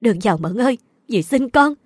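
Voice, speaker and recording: A woman voicing a caring middle-aged aunt who speaks gently and pleads. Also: lowish voice, a little fast, dry recording, clean studio sound, close to an everyday voice. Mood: pleading.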